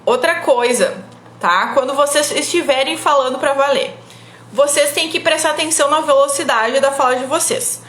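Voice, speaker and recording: A woman's voice: sits high, normal speed, a bit bright, roomy sound, a little hiss or hum. A young woman from giving casual public speaking advice on a live stream, chatty and full of "tá?" tag questions. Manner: chatty, frequent "tá?" tag questions, laughs often.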